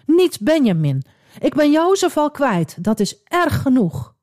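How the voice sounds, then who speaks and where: A woman's voice: medium pitch, very animated, measured pace, mellow, no echo, studio quality. A woman voicing an anxious old father in a children's Bible story, speaking in raised, pleading outbursts. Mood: distraught.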